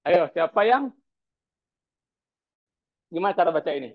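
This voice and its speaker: A man's voice: on the high side, expressive, moderate pace. A man lecturing a university class, prodding students with repeated teasing questions. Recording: tinny phone-like sound.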